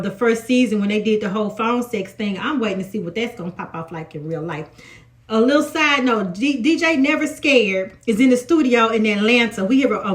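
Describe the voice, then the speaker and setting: A woman from Mississippi with a Southern accent, chatting casually through a TV episode recap and often restarting her sentences. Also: a little high. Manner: chatty, animated, restarts a lot. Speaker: TV recap vlogger.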